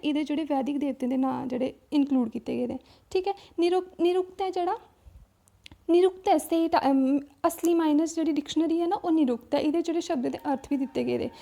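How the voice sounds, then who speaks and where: High-voiced woman teaching with a Dogri accent. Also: warm tone. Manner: explaining with frequent checks and restarts. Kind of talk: exam-prep lecture.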